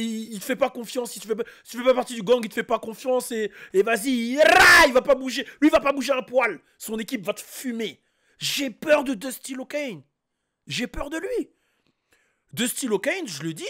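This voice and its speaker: A man hosting a casual reaction show, talking loudly and excitably with sudden shouted bursts. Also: very high-pitched. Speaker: host reacting to a music track.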